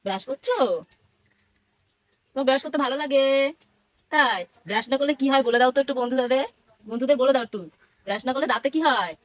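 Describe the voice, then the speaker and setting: A woman's voice: sits high, fast, pauses often, no room sound. A woman hosting a casual family vlog, coaxing a small child in a sing-song way. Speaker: family vlogger.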